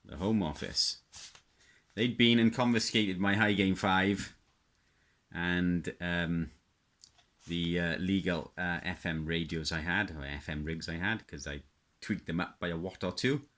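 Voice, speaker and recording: Steady and unhurried, a deep, a-bit-bright male voice carries a South Welsh accent. The middle-aged radio hobbyist presents his hobby without a script, hesitating, wandering, and reminiscing.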